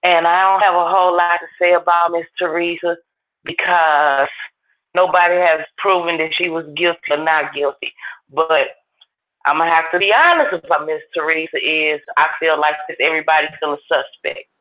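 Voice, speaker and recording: A woman's voice: low-pitched, fairly even intonation, normal speed. A woman calling in to a chat show, talking casually and giving her opinions at length. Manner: talkative, opinionated, drawling. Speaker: caller. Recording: tinny phone line.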